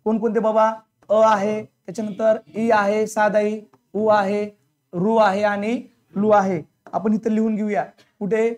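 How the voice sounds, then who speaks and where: Before his class, a male teacher leads a call-and-response grammar drill, asking each question over and over until the students respond. He talks colloquially and bluntly, sometimes scolding like a strict coaching-class instructor, in a high-pitched, a little mellow voice with little pitch movement at a measured pace.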